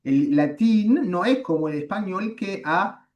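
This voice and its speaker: A man teaching a Latin class over a video call, explaining patiently with frequent "eh" and "em" pauses. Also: high-pitched, expressive, a little mellow, muffled recording. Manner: patient, corrects students, fills pauses with "eh" and "em".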